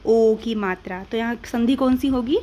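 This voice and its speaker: A woman's voice: fairly high pitch, moderate pace, mellow. An Indian woman teaching grammar, patiently asking and answering her own questions step by step. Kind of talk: classroom-style explanation.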